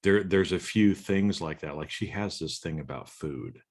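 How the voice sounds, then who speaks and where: Speaking at a moderate pace in a low voice, a man hosts a conversational podcast interview. He frames his questions in a roundabout, repetitive manner, circling back over the same words.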